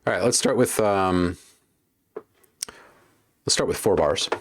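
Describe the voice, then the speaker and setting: A man with a low voice speaks slowly while hosting a casual livestream as a music producer making beats. He chats with viewers and thinks aloud as he works, with a little hiss or hum in the audio.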